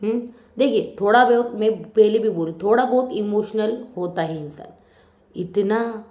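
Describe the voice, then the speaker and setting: A woman's voice: mid-range voice, measured pace, echoey room, lo-fi sound. Chatty woman reviewing a TV episode. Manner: chatty, teasing, mimics contestants. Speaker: TV show reviewer. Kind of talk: casual episode review chat.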